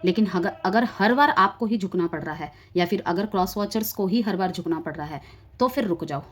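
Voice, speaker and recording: Her voice is fairly low and her pace fairly quick as this tarot reader explains a collective reading to her viewers. She speaks to them directly and blends English words into Hindi.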